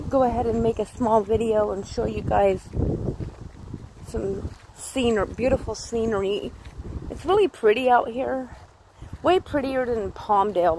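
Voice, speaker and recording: A woman's voice: fairly high pitch, a little mellow, poor audio. A woman chatting casually in a rambling way as she films a walk through a park on her phone. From California. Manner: chatty, rambling, coos at animals. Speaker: vlogger. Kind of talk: casual walking vlog. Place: outdoors in a park by a creek. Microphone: phone held while filming. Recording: faint outdoor background noise.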